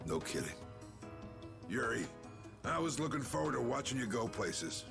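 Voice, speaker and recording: Gruff old guild boss, gravelly. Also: male voice, mid-range voice, very animated, moderate pace. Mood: wry, defiant. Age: older. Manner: blunt, folksy, weighty. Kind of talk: dramatic video game dialogue. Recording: game audio with loud music.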